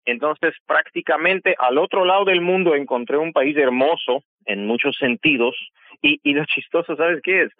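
A man's voice: on the high side, normal speed, dry recording. A man from Armenia, a native Armenian speaker, chatting cheerfully about his life as a musician during a remote interview, laughing often. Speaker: guest musician. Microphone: phone or video call. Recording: tinny dry call line.

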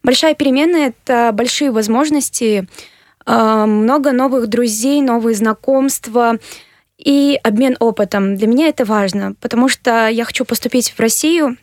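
Earnest young woman, slightly high voice. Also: no echo, clean studio sound. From Kyrgyzstan. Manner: earnest, measured, with hesitant fillers. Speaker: interviewee, university applicant. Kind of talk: interview answers.

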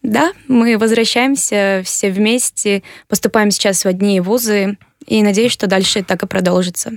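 An eighteen-year-old woman from Kyrgyzstan answering interview questions earnestly, pausing with fillers as she thinks. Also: medium pitch, steady tone, no echo, clean studio sound. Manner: earnest, measured, with hesitant fillers. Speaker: interviewee, university applicant.

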